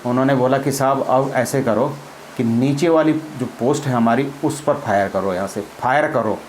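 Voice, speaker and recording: A man's voice: medium pitch, normal speed, darkish tone, slight background noise, poor audio. A man, a former army officer, telling a personal story in a casual spoken way, acting out the dialogue and laughing as he goes. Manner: acts out quoted dialogue, laughs as he tells it.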